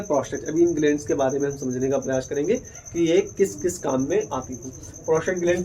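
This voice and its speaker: Male biology teacher, higher voice, patient step-by-step explainer, faint insect noise behind. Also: a little mellow, low-quality recording. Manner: explains step by step, asks and answers his own questions. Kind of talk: whiteboard lesson.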